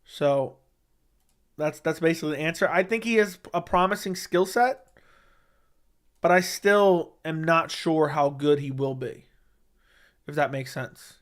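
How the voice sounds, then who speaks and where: Here the casual MMA livestream host speaks a little high and a little slowly, pausing often. He fields viewer chat with blunt opinions and says things again to drive them home.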